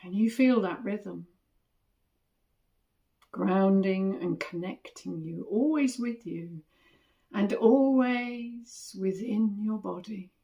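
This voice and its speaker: In a soothing, gentle way, a woman teaching meditation walks listeners through a body scan, pausing at length between short phrases. Her voice is mid-range and creaky.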